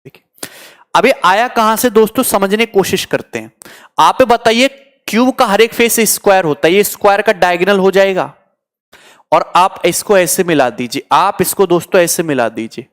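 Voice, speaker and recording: A man's voice: sits high, normal speed, a bit bright. A man teaching maths in a live coaching class, joking with students and mixing English terms into his explanations. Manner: teasing, chatty, answers student comments. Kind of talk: online exam coaching lecture.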